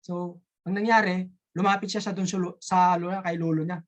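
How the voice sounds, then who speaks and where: A speaker with an Ilonggo accent telling a story in a casual, halting way, often stopping to search for words, as a participant in an online coaching session. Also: medium pitch, fairly even intonation.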